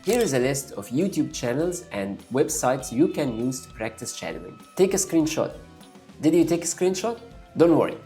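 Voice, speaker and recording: A young man whose first language is Arabic gives an upbeat, step-by-step English lesson directly to the camera as an English-learning YouTuber. His medium-pitched voice is mellow and sing-song at a moderate pace. Soft music plays behind him.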